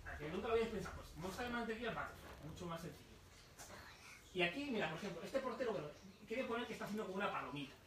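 A high-voiced man gives a live talk at a bookshop, explaining patiently and throwing questions to the audience. The room is echoey and he sounds distant from the mic. A faint murmur of room noise sits underneath. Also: lively intonation. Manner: explains slowly, repeats words, asks the audience questions. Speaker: book author presenting his book.

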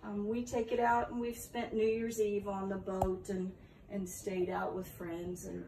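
A middle-aged woman giving a relaxed, hesitant tour of her boat, with many pauses and ums. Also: medium pitch. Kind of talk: casual tour talk. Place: aboard a river sternwheel boat. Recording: roomy echo, distant, noisy.

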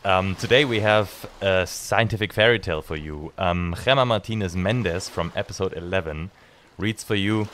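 A man hosting a podcast, giving a relaxed introduction with a few ums. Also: sits low, a little hiss or hum. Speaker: podcast host. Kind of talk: casual introduction.

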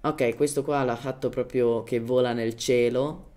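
A man from Germany, native in German, gives unhurried, casual commentary as a gaming tutorial host. His voice is medium in pitch, steady and darkish. Speaking informally, he reaches for Italian words and sprinkles in English terms.

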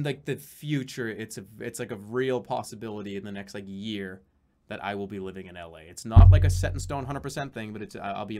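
With a mid-range voice, a man in his thirties casually chats on a live stream from a small room in his home. He reads out donations, rambles on, swears, and occasionally erupts into excited yelling.

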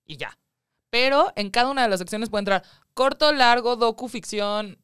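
Mexican woman in her thirties, a film producer recounting her early career in a relaxed interview. Her voice is very crisp and clean, recorded dry and close. She tells it with animated energy, slipping into other people's voices. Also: a little high, moderate pace, no echo. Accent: Mexican Spanish. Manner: animated storytelling, acts out quoted voices. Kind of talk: casual interview chat.

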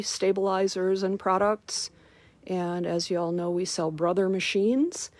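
A woman's voice: fairly low pitch, a little mellow, no room sound. A woman giving a chatty walking tour of a large quilt shop, recorded on a handheld phone. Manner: slow, chatty, promotional.

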